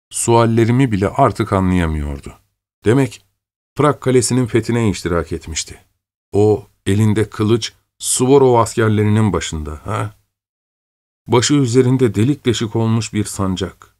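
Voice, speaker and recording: Low-voiced male audiobook narrator. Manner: measured, deliberate. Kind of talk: scripted narration.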